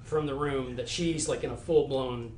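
A man's voice: mid-range voice, normal speed, a little mellow. A man running a tabletop horror game, narrating loosely with many fillers. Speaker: game master. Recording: echoey room with noise.

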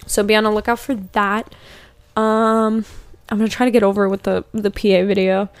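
Her medium-pitched voice is level, clear, and resonant, recorded with no room sound. She's a young podcast host giving tarot-style card readings in a casual spiritual chat, rambling, leaning heavily on fillers, laughing often, and slowing to read out affirmations.

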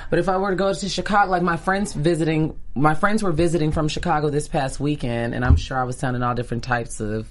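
A woman's voice: low voice, steady tone, fast, hardly any pauses, slight background noise. An American woman chatting casually on a panel, talking in a valley girl manner full of "like". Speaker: panelist on a reality TV recap show. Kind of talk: casual chat.

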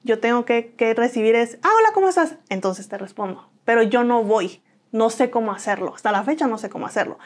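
A woman's voice: a little high, fairly even intonation, fairly quick. A woman with a Mexican accent, a guest in an interview, telling her own story earnestly and acting out the voices of people she quotes.

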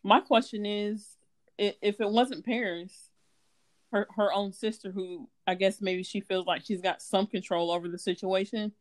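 A woman co-hosting in casual chat about a soap opera, relaxed, agreeing often and asking questions. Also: medium pitch, normal speed. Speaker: co-host of a soap opera recap show.

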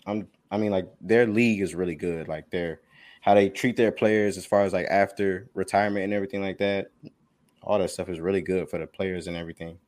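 Rambling young man, low voice. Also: steady tone, fairly quick, a little mellow. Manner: rambling, repeats himself, says "like" and "bro" often. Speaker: podcast co-host. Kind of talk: casual chat.

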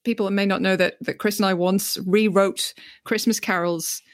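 A woman's voice: mid-range voice, steady tone, moderate pace, no room sound, clean studio sound. A woman from Northern Ireland chatting casually about films as a podcast co-host, wry and teasing. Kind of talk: casual film discussion.

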